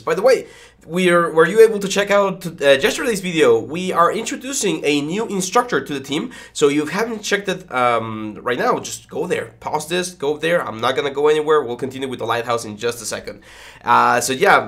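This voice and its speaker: A man in his thirties, a little congested, records a casual 3D modelling lesson on his headset boom mic in a small home studio with foam panels. He rambles, stammers, and leans on fillers. His voice sits a little high and sounds a bit bright.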